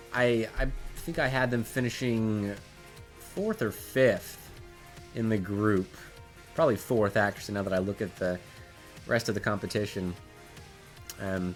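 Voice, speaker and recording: A man's voice: mid-range voice, a bit bright. A man with a nasal, stuffy voice from allergies, chatting casually as he opens an esports match stream from his desk setup. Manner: chatty, rambling, frequent restarts. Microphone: desk microphone at a home streaming setup.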